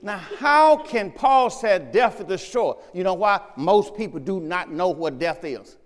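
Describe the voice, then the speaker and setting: A pastor preaching a lively sermon, shouting one moment and dropping low the next, talking straight to his congregation. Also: a little slow, in a large hall.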